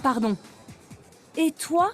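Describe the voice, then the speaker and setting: A woman voicing a cheerful young musician in a slow, clear textbook dialogue. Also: high-pitched, expressive, darkish tone, faint music behind, heavily acted. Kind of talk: scripted textbook audio dialogue.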